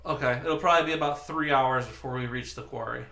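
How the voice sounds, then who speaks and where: A man's voice: mid-range voice, quick pace, sharp tone, echoey room. A man narrating as game master of a tabletop game in a loose, joking way. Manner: loose, joking, full of fillers and restarts.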